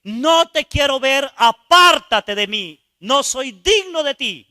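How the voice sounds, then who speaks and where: A man playing a young dead soul with a high, bright voice, shouting out his despair and refusal in a dry, close sound. The cries come sharp and loud, full of anguish. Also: expressive, takes it slowly, dry recording, heavily acted. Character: young man, dead, pleading before God.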